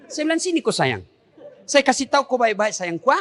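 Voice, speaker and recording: Brief: middle-aged male preacher with a Makassar accent, high bright voice, playful comic sermon, long hall reverb. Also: brisk. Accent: South Sulawesi (Makassar) Indonesian. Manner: animated, joking, jumps between high and low registers.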